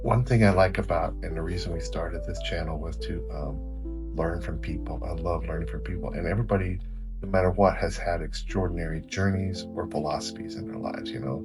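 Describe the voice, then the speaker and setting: A middle-aged man from Oklahoma, United States, with an Okie accent hosts an interview show, keeping the conversation rambling and encouraging. His voice sits low with a steady tone, and he talks fairly quickly over music.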